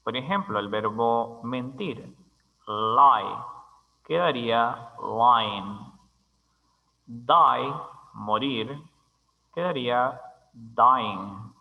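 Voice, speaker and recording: Male language teacher, unhurried and methodical, crisp tone, long room reverb. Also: medium pitch, muffled recording. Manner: slow, deliberate, spells words letter by letter. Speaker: English teacher. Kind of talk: grammar lesson.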